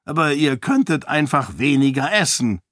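A man voicing an irritable, blustering king who speaks gruffly and impatiently. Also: on the high side, very animated, normal speed, a bit bright, no room sound, studio quality, pitched above the performer's own voice.

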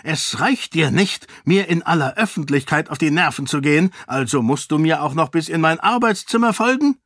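A man voicing a quick-tempered, greedy middle-aged king who snaps scornfully in a storybook reading. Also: a little high, lively intonation, slightly rough, no room sound, clean studio sound, pitched above the performer's own voice, heavily acted. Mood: angry. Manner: snapping, scornful, loud.

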